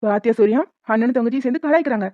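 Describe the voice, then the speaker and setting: A woman's voice: fairly high pitch, very fast, heavy background noise, close to an everyday voice. A woman voicing a playful young uncle in a cartoon who sings badly and jokes around with the family. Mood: teasing. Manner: teasing, joking. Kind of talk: cartoon voice acting. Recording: dull lo-fi recording.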